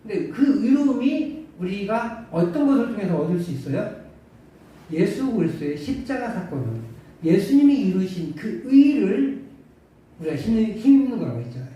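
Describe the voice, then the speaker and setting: A male pastor with a high, very animated, mellow voice preaches a conversational sermon at normal speed, packed with rhetorical questions and dry humor. It's captured from far off in an echoey church sanctuary with faint hiss, giving a lo-fi sound.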